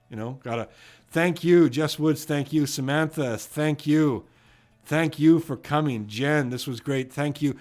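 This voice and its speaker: Here the trivia live stream host, an Edmonton man with a Canadian accent, sounds mid-range and a little mellow. He chats and rambles loosely while reading out viewer comments, with many fillers and repeated "you know what".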